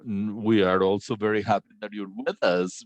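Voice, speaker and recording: Low-voiced man hosting a talk. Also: flat delivery, moderate pace, no room sound, dull audio. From Colombia. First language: Spanish. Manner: friendly, filler-heavy, asks questions. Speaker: host of a language conversation session. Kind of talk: moderating a video-call discussion.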